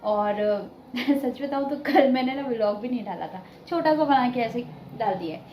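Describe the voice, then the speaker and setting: Chatty high-voiced woman vlogging at home. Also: moderate pace, dark tone. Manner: chatty, laughing storyteller. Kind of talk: casual vlog chat. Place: at home, echoey room. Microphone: phone camera. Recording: echoey home room, faint room noise.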